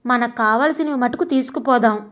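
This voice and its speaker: A woman voicing an older father who speaks softly and humbly. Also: on the high side, lightly acted. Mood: gentle. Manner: soft, humble, slow.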